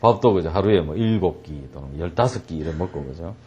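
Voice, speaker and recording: A man's voice: low voice, animated, fairly quick, dark tone, highs cut off. A man teaching an English reading lesson, translating line by line and joking as he tells the story.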